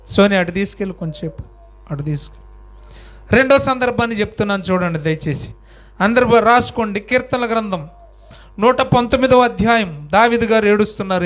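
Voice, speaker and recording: A male pastor telling a story in a sermon, questioning his congregation and having them answer aloud, swinging between loud and soft. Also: sits high.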